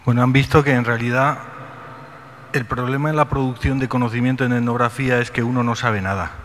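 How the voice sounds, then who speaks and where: A man's voice: medium pitch, fairly even intonation, fairly bright tone. Man, middle-aged, conference lecture, reflective, podium mic, long hall reverb, faint hiss. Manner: reflective, measured, rhetorical questions. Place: large ornate hall, indoors. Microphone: podium microphone.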